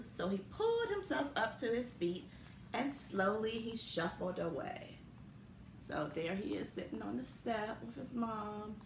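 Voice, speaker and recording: A woman principal reading a picture book aloud to children, with expressive storytelling. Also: medium pitch, gravelly, a little hiss or hum. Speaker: school principal. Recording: echoey room.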